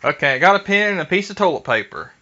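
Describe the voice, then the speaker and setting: A man on a phone call, talking in a folksy way and playing naive and slow-witted with a straight face. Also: high voice, sing-song, background noise. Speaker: prank call recipient. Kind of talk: deadpan phone prank. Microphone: telephone. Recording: muffled telephone call audio.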